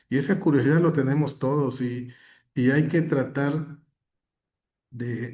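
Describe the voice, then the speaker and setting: A man talks reflectively as a guest academic, his voice mellow and dark. He builds his points through examples and keeps checking in with short questions. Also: mid-range voice. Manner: reflective, gives examples, frequent tag questions. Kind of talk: conversational talk.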